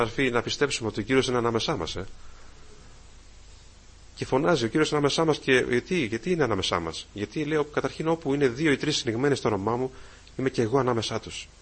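A man preaching a sermon to his congregation, calling them brothers again and again and swelling louder on key phrases. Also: medium pitch, slightly rough.

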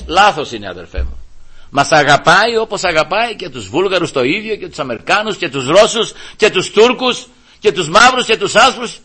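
Bright-voiced man preaching. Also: a little high, breathy edge. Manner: conversational, addresses listeners as brothers, acts out pleading voices. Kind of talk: sermon.

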